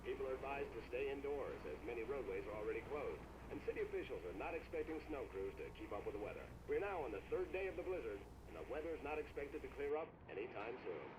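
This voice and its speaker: A man's voice: mid-range voice, very animated, lightly acted. A man playing a formal radio news announcer. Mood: grave. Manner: measured broadcast delivery. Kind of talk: in-game radio bulletin. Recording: noisy in-game radio broadcast.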